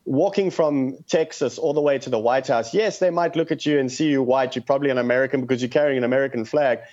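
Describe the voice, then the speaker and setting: Speaking fast at a medium pitch with a darkish tone, a South African man calls into a phone-in show as a guest. He comes across earnest and impassioned, and the muffled, lo-fi phone line colors everything he says.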